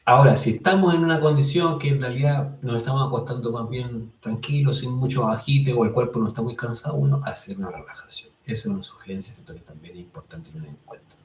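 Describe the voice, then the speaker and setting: A man teaching a lesson on meditation, calm and explanatory, who checks in often with his listeners and draws out chant syllables slowly. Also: medium pitch. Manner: calm and explanatory, tags phrases with "¿cierto?". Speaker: spiritual course instructor. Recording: roomy sound, mic at a distance.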